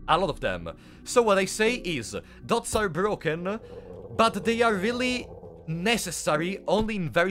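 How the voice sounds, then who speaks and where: A young Italian man with a sore throat chats playfully with his live chat while streaming a game, giving casual commentary. His voice is on the high side and a bit bright.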